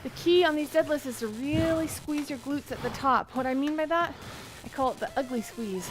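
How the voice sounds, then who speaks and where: A young woman with a high voice leads an exercise class as an aerobics instructor. She coaches and counts down in an encouraging, motivational way, with music clearly playing behind her. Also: brisk, poor audio. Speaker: fitness instructor. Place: outdoor covered wooden deck by a pond. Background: workout music.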